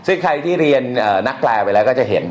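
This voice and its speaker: A man's voice: medium pitch, animated, quick pace, a little mellow. Blunt, slangy male teacher in a roomy space. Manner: blunt and colloquial, with slang and crude words; recites verse aloud. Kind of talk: casual lecture on Thai poetry. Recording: echoey room, faint noise.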